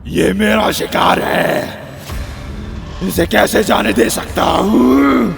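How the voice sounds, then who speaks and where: A man voicing a powerful, vain male ghost who haunts a cremation ground, gruff and threatening with movie-style lines. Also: high-pitched, slow pace, music in the background, full character voice. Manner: gruff threats with filmy movie-line flourishes. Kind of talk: audio story acting.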